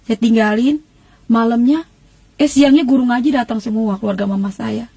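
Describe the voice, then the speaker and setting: High-voiced woman giving an emotional testimony. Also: fairly even intonation, normal speed, mellow, husky, dry recording. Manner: emotional, acts out the quoted voices of others. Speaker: church testimony speaker. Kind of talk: personal testimony storytelling.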